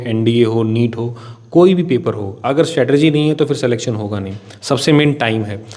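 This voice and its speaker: An impassioned man speaks in a mid-pitched voice. He answers interview questions earnestly, pleading his case and calling the interviewer sir again and again. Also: darkish tone. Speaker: coaching academy director.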